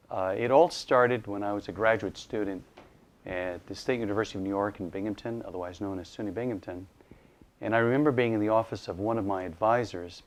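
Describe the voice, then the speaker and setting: Middle-aged man from Iraq, an author and educator, somewhat low voice, halting, thoughtful interview delivery. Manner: thoughtful, hesitant with many fillers and restarts. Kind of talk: casual interview monologue.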